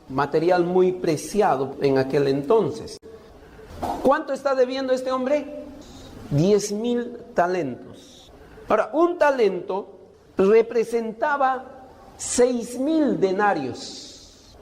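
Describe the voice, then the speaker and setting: A man's voice: sits high, darkish tone, long reverb tail. A man preaching a sermon, often asking the congregation a question and answering it himself. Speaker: pastor.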